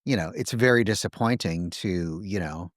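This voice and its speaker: A man's voice: low-pitched, normal speed, dry recording, studio quality. A man hosting a podcast, thinking aloud in a hesitant, filler-heavy way. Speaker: podcast host. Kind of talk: casual conversation.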